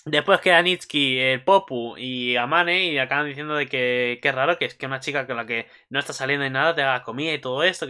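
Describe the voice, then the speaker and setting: Young guy gushing about anime, bright clear voice, kinda high, keeps squealing. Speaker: anime commentator. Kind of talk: excited casual recap.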